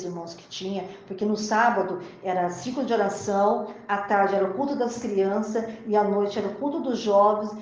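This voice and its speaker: A woman's voice: fairly high pitch, darkish tone. A woman gives an emotional sermon with personal testimony, calling out to the brothers and sisters again and again. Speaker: preacher. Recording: echoey, muffled, slightly noisy recording.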